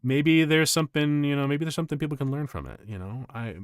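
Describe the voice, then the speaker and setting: A man's voice: fairly high pitch, lively intonation, fast talker, clean tone, no room sound, studio quality. A man from the United States chatting casually on a game livestream, rambling through stories with frequent restarts and laughs. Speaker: streamer.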